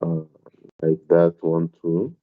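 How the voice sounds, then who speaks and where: Teaching maths over a video call, a very deep-voiced man with a non-native, non-South African accent hesitates often, repeating himself and filling gaps with pauses. His pitch barely moves. The laptop mic leaves the audio muffled and dull.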